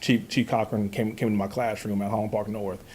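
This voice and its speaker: A man's voice: lowish voice, flat delivery, a little fast, darkish tone, slight background noise. A man from Kansas giving public comment at a county budget hearing, earnest and pleading, stumbling through restarts and repeated words. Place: county meeting room.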